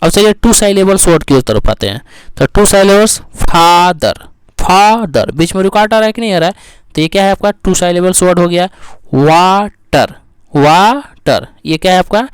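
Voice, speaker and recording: Man teaching grammar with a tinge, smooth clear voice, stretches out english words, dry close sound. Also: high voice, animated, fast talker, no echo. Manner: asks the class questions and answers them himself. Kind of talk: lesson.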